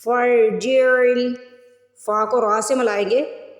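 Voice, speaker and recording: A fairly high-voiced woman teaches recitation word by word. She stretches each word out slowly, then explains the rules at a brisker clip. Her voice rings in a roomy space with a long, trailing reverb. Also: steady tone. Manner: slow drawn-out recitation between brisk explanations. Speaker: Quran reading teacher. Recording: echoey room with long reverb.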